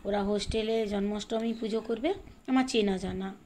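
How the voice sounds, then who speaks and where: A middle-aged woman from Bengal chatting in a rambling way while she bakes in her home kitchen, sometimes speaking softly. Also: mid-range voice, steady tone, moderate pace. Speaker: home cooking vlogger. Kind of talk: casual chat while baking. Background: fan hum and rain outside.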